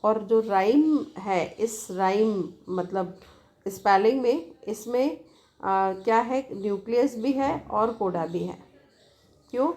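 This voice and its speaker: A woman teacher with an Indian accent explaining phonology, reading English definitions slowly and explaining them quickly in Hindi while asking her students questions. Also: mid-range voice, expressive, a little mellow. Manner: repeats questions to students, addresses them as "beta".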